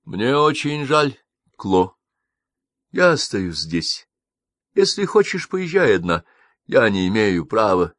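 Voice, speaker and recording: A man reading an audiobook, voicing a stern older gentleman who speaks slowly and deliberately. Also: mid-range voice, expressive, no echo, studio quality, voice pushed up. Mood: firm. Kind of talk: audiobook character voice.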